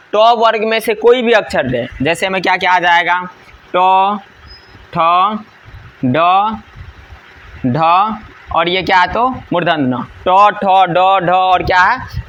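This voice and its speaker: A man's voice: sits high, sharp tone. A male teacher, giving a grammar lesson that drills rules by asking and answering his own questions.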